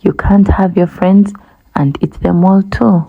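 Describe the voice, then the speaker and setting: A woman voicing a crafty, creepy old male crocodile in a storybook read-aloud, sly and breathy. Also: medium pitch, steady tone, a little slow, phone-quality sound.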